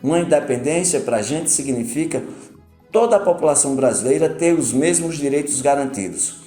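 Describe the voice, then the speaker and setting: A man with a Pernambuco Brazilian accent giving a deliberate, emphatic interview statement as a union leader. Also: fairly high pitch, expressive, dark tone, echoey room, faint music behind. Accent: Pernambuco Brazilian Portuguese.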